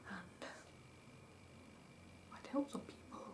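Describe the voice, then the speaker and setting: Whispering slowly, a woman vlogs from home during the day, her husky voice still not warmed up. She wanders from point to point on a list, commenting as she goes and spelling some words letter by letter, while traffic murmurs faintly outside.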